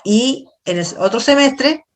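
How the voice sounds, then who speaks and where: A woman's voice: sits high, expressive. Chilean woman lecturing over a video call. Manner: chatty, questions the students, halting explanations. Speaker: university lecturer. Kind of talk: online class lecture.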